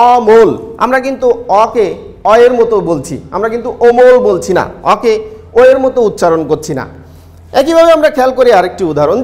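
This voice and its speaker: High-voiced male teacher explaining patiently. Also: a little mellow. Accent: Bangladeshi Bengali. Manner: slow, repetitive explaining to students. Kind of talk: televised online class lecture.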